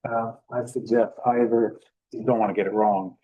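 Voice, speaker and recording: A man advising a town council, speaking in a cautious, measured way. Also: on the low side, fairly even intonation, breathy edge, lo-fi sound. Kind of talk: cautious meeting talk. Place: town council meeting room.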